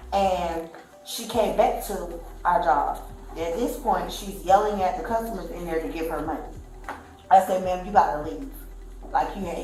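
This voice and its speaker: A female witness with a lowish, darkish voice gives police a long, rambling account of events, acting out what other people said. The recording comes from a very echoey room with faint music.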